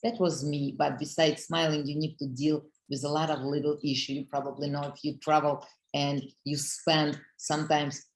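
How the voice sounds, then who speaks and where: A woman's voice: low-pitched, flat delivery, moderate pace, hardly any pauses, reverberant, rough recording. A middle-aged woman from Russia with a Russian accent, giving an earnest, encouraging motivational talk to her team in slightly broken English. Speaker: business leader speaking on a team call.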